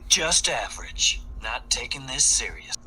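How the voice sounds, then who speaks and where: A man's voice: medium pitch, big pitch swings, unhurried, sharp tone, slight background noise, full character voice, low-quality recording. A man voicing a cool, cocky, brooding antihero in a video game. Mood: cocky, dismissive.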